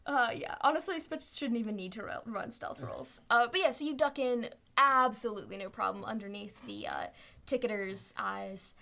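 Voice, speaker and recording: A woman working as game master, improvising tabletop narration in a halting, playful, casual storytelling way. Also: fairly high pitch, gravelly, pushed and bright.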